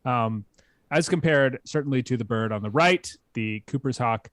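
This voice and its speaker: A middle-aged man co-hosting a live bird question show, explaining in a measured way and thinking aloud. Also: mid-range voice, a bit bright, no echo, studio quality. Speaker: co-host answering bird questions. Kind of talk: casual live stream chat.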